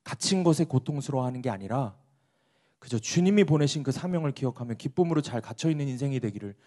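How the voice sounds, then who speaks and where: A man preaching a sermon as a pastor, telling a story dramatically and swinging between loud and hushed delivery. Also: mid-range voice, animated, quick pace.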